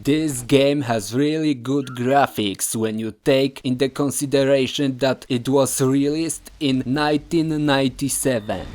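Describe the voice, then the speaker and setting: A man with a mid-pitched voice narrates as a video creator. His delivery is scripted with casual asides, and he stresses his points emphatically. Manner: emphatic, repeats phrases for effect. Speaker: video maker narrating his own game hacking project.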